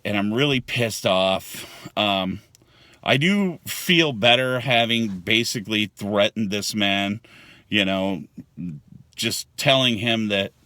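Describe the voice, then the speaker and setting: A man's voice: on the low side, bright, forceful tone, no echo. A man ranting angrily to his phone camera in a casual vlog, swearing a lot and rambling. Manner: angry, profane and rambling. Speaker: vlogger. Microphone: handheld phone.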